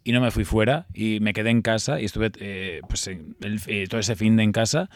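A man from chatting and joking casually with friends on a podcast, animated and quick to riff. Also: on the low side, no echo. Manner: animated, jokey. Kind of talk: casual chat.

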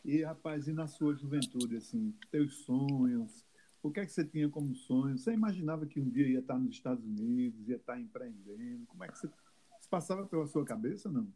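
A man's voice: mid-range voice, lively intonation, fairly quick, warm tone, rough recording. A man hosting a web radio interview show, asking friendly, encouraging questions. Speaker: show host.

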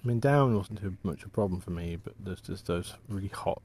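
Man, very low voice, casual walking vlog, rambling, hesitant restarts. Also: a little mellow, a little hiss or hum. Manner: rambling, halting, many restarts and trailing thoughts. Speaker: walking vlogger and artist.

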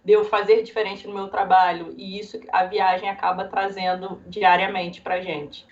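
A woman from Brazil chatting as a panelist, quick to tease the others. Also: medium pitch, flat delivery, lo-fi sound. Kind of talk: casual panel chat.

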